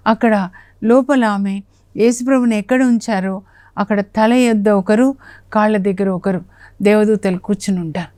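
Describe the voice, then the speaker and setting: A woman teaching the Bible on a television program speaks in a friendly, conversational way. She sits at a middle pitch and acts out the quoted lines with a raised voice. Her voice is recorded dry and close, with no room sound. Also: moderate pace, a little mellow, no room sound. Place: television studio.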